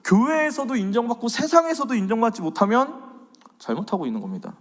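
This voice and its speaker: Animated Korean pastor with hall reverb. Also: male voice, extremely high pitch, fast. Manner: animated, swings between loud and soft. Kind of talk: sermon-style faith lecture.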